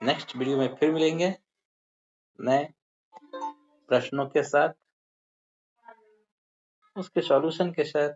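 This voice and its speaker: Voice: medium pitch, unhurried, long pauses, faint music behind. A maths teacher giving a step-by-step lesson, counting through each sum aloud and addressing the pupils as dear children. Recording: slightly muffled with faint hiss.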